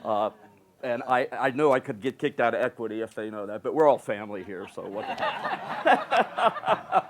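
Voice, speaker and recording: An older man, a retired dancer on a panel, telling animated stories in a casual way and laughing easily. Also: lowish voice, fairly quick. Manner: chatty, animated storyteller who laughs easily.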